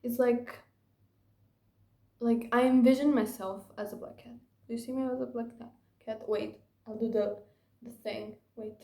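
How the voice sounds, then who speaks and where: A woman's voice: fairly high pitch, fairly even intonation, normal speed, dark tone. A young woman vlogging casually to camera, rambling and gushing with lots of fillers. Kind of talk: casual confessional vlog. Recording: echoey room.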